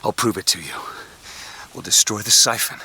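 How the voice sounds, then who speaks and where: An actor playing a weary, determined and gruffly protective action hero in a video game. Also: male voice, lowish voice, moderate pace, sharp tone, full character voice. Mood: defensive.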